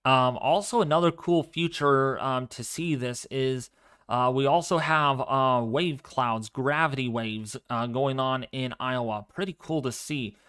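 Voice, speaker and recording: Hosting a severe weather livestream, a man chats with viewers and offers commentary at a slightly slow pace. His medium-pitched voice is quiet, clear, calm, and fairly even in tone.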